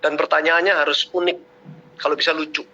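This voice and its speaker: A man giving a lively, emphatic motivational talk in a webinar, often teasing his audience. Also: a little high, fairly quick, highs cut off. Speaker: webinar speaker. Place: online webinar.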